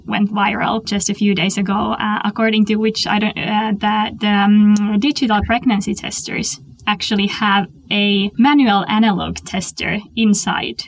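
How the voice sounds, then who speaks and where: A woman panelist on a call, earnest and repeating words as she thinks. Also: mid-range voice.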